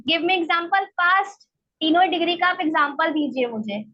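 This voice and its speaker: Female English teacher, very high pitch, slow and patient, keeps checking understanding; muffled online-class sound. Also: lively intonation. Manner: explains step by step, checks understanding with "ठीक है?". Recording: dull lo-fi online class audio.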